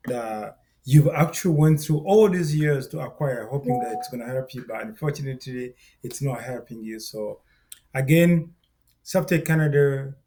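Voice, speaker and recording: Speaking straight to viewers in a course video, a middle-aged man from Uganda delivers his points earnestly at a moderate pace. His mid-range voice has a dark tone, and he tends to say things more than once.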